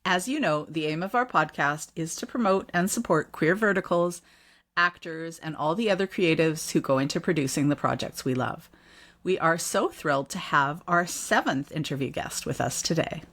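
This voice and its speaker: A woman co-hosts a podcast in a fairly low, calm voice. She opens the show plainly and adds soft laughs to her answers. She sounds steady and relaxed. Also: moderate pace. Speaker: podcast co-host. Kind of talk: casual interview chat.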